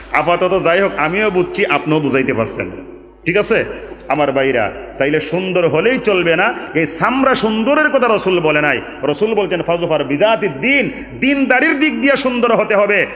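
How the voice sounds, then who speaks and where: A man's voice: high voice, fairly bright tone, roomy sound, in a large hall. Ringing, sing-song male preacher. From Bangladesh. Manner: chants Arabic quotes in a sing-song. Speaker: Islamic preacher. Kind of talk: sermon at an open religious gathering.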